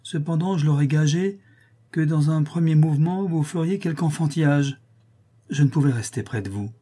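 A man's voice: on the high side, normal speed, mellow, slightly rough, voice pushed up. A man reading aloud, voicing a worldly society lady who lectures her friend in an affected manner. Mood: lecturing.

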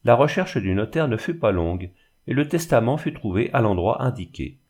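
A man reading a classic novel aloud in a steady, literary narration. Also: medium pitch, normal speed, breathy edge. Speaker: audiobook narrator. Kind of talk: scripted narration.

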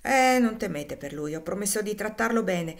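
A woman voicing a callous, businesslike male slave trader, brisk and matter-of-fact. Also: medium pitch, animated, creaky.

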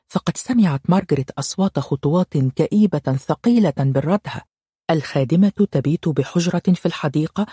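A woman narrating an audiobook with steady storytelling. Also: low voice, breathy edge, no echo, studio quality.

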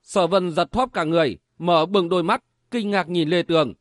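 A man narrating a martial-arts romance audiobook in a steady, even reading manner. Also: sits high, normal speed, no room sound, clean studio sound. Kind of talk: storytelling narration.

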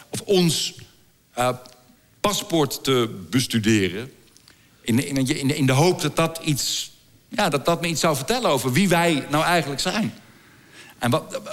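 A middle-aged man doing a stand-up comedy routine for a live audience. He stammers and repeats words as he builds crude, deadpan jokes. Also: on the high side.

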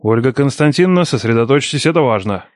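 A man's voice: medium pitch, lively intonation, quick pace, no room sound, studio quality, lightly acted. A man voicing a cocky young former student who teases his teachers with sarcastic banter, in an audiobook. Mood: serious. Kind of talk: audiobook character dialogue.

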